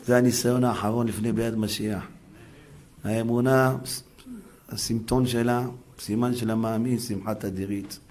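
A man preaching an emotional sermon on faith, fervent and dramatic, moving between loud calls and hushed pleading. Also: lowish voice, steady tone. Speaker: religious preacher.

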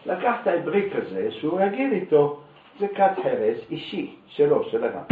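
A man telling a lively religious story as a sermon, acting out the people in it. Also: a little high, a little hiss or hum. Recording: echoey, distant, phone-like sound.

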